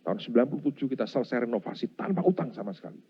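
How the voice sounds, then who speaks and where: Speaking very fast in a medium-pitched, slightly rough voice, a middle-aged preacher acts out his story with energy. "Saudara" is how he repeatedly addresses the congregation, and the recording is dull and lo-fi.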